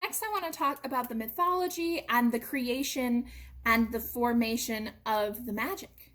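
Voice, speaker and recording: A young American woman from a theatre company giving an informal educational talk, lively and explanatory, with frequent "uh" and "um" fillers. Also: fairly high pitch, normal speed. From United States.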